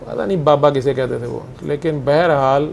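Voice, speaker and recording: A spiritual healer with a Punjabi accent gives an informal talk to his followers, speaking conversationally, asking rhetorical questions and slipping into Punjabi phrases. His medium-pitched voice is dark with vocal fry, at a moderate pace, over a slight hiss or hum.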